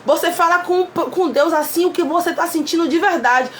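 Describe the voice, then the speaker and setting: Very high-voiced woman preaching informally. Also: normal speed, a little hiss or hum. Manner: conversational, emphatic, repeats key phrases; voices short quoted lines within her telling. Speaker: preacher and clinical psychoanalyst. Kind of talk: informal preaching, retelling a Bible story.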